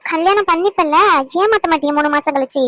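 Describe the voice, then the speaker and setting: A woman's voice: very high-pitched, a little fast, a bit bright, dry recording, poor audio. A woman voicing a stubborn, pleading young woman who wants to marry now, in a dubbed serial drama.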